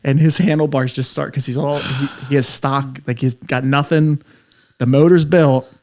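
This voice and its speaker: A man's voice: mid-range voice, steady tone, normal speed, darkish tone. A man telling rambling, profane stories in casual podcast chat, laughing as he goes. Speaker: podcast co-host.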